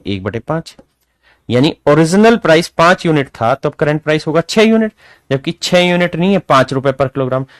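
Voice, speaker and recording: A man teaching an arithmetic class, lively and coaxing, often asking his students whether they follow. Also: fairly high pitch, no echo, studio quality. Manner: lively, calls students "my dear children", rhetorical questions. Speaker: maths teacher. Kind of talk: classroom maths lesson.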